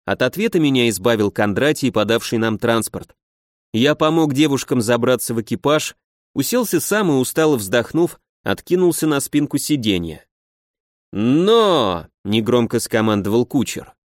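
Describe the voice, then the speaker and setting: A man's voice: medium pitch, animated, moderate pace, no echo, studio quality. A man narrating a first-person audiobook in a wry, conversational way.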